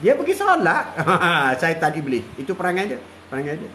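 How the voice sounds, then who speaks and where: A man's voice: fairly high pitch, wildly swooping pitch, fairly bright tone, slight background noise. An older man giving a live religious talk, repeating phrases, saying "ha" often and chuckling. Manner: repetitive, drawn-out, punctuated with "ha" and chuckles. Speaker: preacher.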